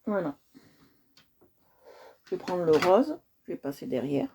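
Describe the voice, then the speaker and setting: Warm, chatty woman hosting a coloring stream. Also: lowish voice, sing-song, measured pace, slight background noise. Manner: chatty, often checks in with viewers and repeats herself. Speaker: coloring livestream host. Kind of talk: casual livestream chat while coloring.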